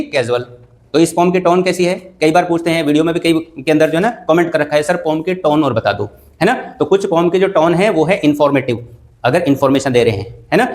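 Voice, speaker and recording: A man with a fairly high voice and an Indian accent teaches an exam revision lesson. He asks a question, answers it himself, and reads each English line slowly before he explains it.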